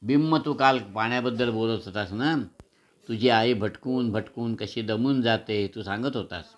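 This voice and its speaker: A man reading aloud, voicing a kindly older grandfather who gently encourages a child. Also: mid-range voice, normal speed, muffled recording, lightly acted. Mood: encouraging.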